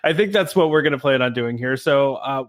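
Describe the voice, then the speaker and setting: A man's voice: medium pitch, expressive, fairly quick. A man hosting a podcast in casual, informal banter with a self-deprecating manner. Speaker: podcast host.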